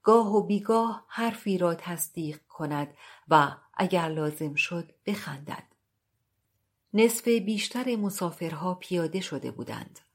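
A woman narrating a storybook in a fairly low voice. Her reading is steady and unhurried, with plain, measured delivery.

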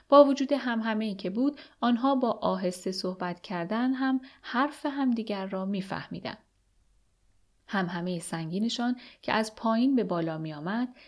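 A woman reading a novel aloud as an audiobook, with steady, measured first-person narration. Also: medium pitch.

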